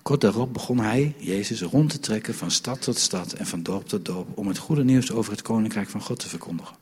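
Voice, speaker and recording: A man preaching a lively sermon in a church, joking with the congregation and moving between loud and soft delivery. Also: on the low side, a little fast. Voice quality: very husky.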